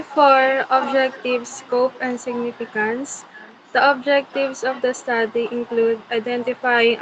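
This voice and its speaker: A woman's voice: fairly high pitch, noisy background. A young woman reading a scripted academic presentation as a student researcher. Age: young adult.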